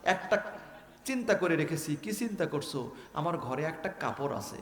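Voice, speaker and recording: A man's voice: a little high, animated, moderate pace, fairly bright tone. A preacher man quoting a hungry, worried young mother pleading with her husband, in his own sermon voice. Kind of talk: quoted speech in a sermon. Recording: echoey hall reverb.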